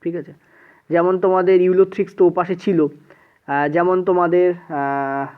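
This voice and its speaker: A man's voice: high-pitched, steady tone, moderate pace, smooth. A man with a Bengali accent teaching an exam-prep science lesson, checking in with students again and again and mixing in English words. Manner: repeats "ঠিক আছে" often, mixes English words in. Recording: tinny phone-like sound.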